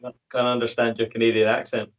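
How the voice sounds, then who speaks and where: A man's voice: medium pitch, completely flat delivery, fast talker, lo-fi sound. A man hosting a fitness podcast in an easygoing way, full of "kinda" and "stuff like that". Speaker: podcast host, fitness coach.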